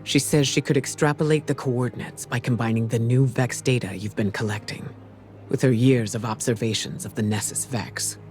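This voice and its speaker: An actor playing a grave male mentor figure who speaks in a measured, solemn way. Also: mid-range voice, a little mellow, close to an everyday voice.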